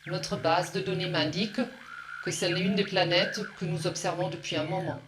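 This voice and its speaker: Woman as a low-voiced alien aide, echoing room. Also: fairly even intonation, normal speed, lightly acted. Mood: dutiful, alert. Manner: formal, informative reporting. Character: dutiful female alien aide reporting to the emperor. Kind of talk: scripted science-fiction drama. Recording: echoing room with faint noise.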